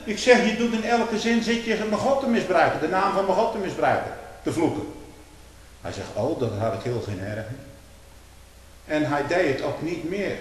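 An older man with a somewhat high voice delivers a fiery sermon. He drops to hushed, quick storytelling, then rises to loud, drawn-out condemnation. The sound rings through a big echoey hall with long reverb. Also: lively intonation. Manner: swings from hushed storytelling to loud, slow denunciation. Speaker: preacher.

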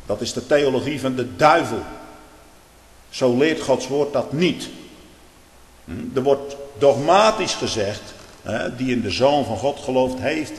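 Preacher guy going quiet then loud, repeats himself a lot, big echoey church with long reverb. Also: mid-range voice, animated, measured pace. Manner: impassioned, swinging between quiet earnest tones and loud outbursts; repeats phrases, often with "nou, nou" and "hoor". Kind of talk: sermon.

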